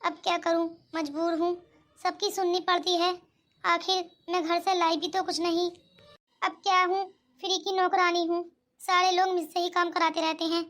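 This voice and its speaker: A performer voicing a meek, hardworking young daughter-in-law in a cartoon, in a very high, childlike voice and a polite, deferential manner. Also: little pitch movement, normal speed. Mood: resigned. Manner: polite, soft-spoken and deferential. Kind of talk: cartoon voice acting.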